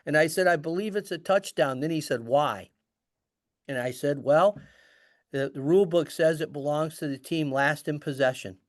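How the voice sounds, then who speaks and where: A man's voice: fairly high pitch, fairly quick, no echo, clean studio sound. A middle-aged man casually telling a story, acting out the dialogue as he goes. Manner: animated, acts out dialogue. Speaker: guest storyteller.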